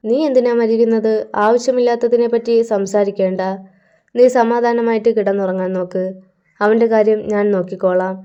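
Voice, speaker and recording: A woman voicing a blunt, mocking young male gangster in a storybook crime tale, with a teasing, gruff manner. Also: a little high, fairly even intonation, brisk, dark tone, dull audio, natural voice.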